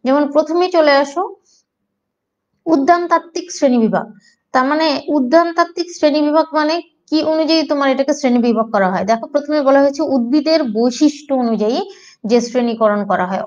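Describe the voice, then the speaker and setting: A woman's voice: high voice, darkish tone, muffled recording. A woman with a Bangladeshi Bengali accent teaching an online agriculture class, explaining patiently step by step and spelling out terms syllable by syllable.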